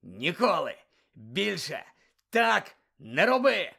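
A man voicing a fierce, scarred old wizard professor with a low, gravelly growl who barks his commands. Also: very animated, slow, sharp tone, exaggerated voice. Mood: gruff, roaring. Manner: barking, roaring commands.

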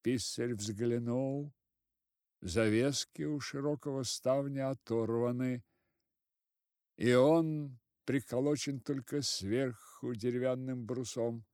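Male narrator, classic prose, slow, animated, dry studio sound. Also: medium pitch, clean tone, no echo. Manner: expressive, unhurried storytelling. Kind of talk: audiobook reading of classic prose.

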